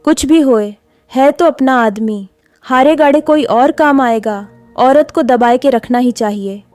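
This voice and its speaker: A woman's voice: high-pitched, measured pace, a little mellow, no echo, faint music behind. A woman voicing a meek, hunchbacked village woman who speaks in rustic dialect. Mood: musing.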